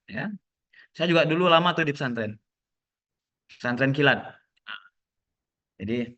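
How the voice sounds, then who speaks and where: A man's voice: medium pitch, sharp tone. A young man, a lecturer, teaching a casual online class over a video call, joking and acting out the nosy questions of relatives.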